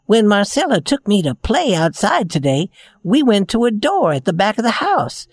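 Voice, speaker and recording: A man's voice: high-pitched, big pitch swings, normal speed, no echo, pitched above the performer's own voice. A man doing a cheerful rag doll girl. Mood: earnest. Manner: raised, lilting storybook voice.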